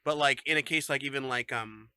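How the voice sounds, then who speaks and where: A man's voice: mid-range voice, a little fast, bright, forceful tone, clean tone, dry recording, clean studio sound. A man co-hosting a casual podcast, rambling with lots of fillers and laughing often. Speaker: podcast co-host. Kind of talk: casual chat.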